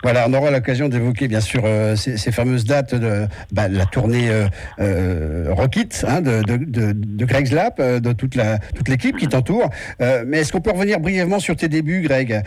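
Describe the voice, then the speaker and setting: A man's voice: mid-range voice, normal speed, hardly any pauses, darkish tone, dry recording. A man hosting a radio interview, asking his guest long, leading questions with the odd filler.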